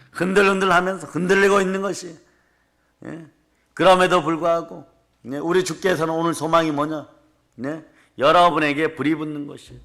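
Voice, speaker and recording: Bright-voiced fervent Korean preacher man. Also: on the high side. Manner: emphatic declarations answered by the congregation; frequent tag questions to the listeners. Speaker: pastor. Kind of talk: fervent revival sermon. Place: church service before a congregation.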